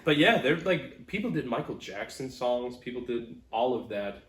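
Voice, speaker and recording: A man's voice: medium pitch, very animated, moderate pace, a crowd in the background. A young man hosting a casual interview chat, joking and laughing often. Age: young adult. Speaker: host. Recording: roomy with faint noise.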